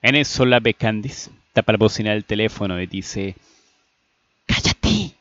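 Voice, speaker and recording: Un hombre que lee en voz alta un relato, narrando con calma y pausa. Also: male voice, lowish voice, dry recording, muffled recording. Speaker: storyteller. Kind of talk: reading a fan story aloud.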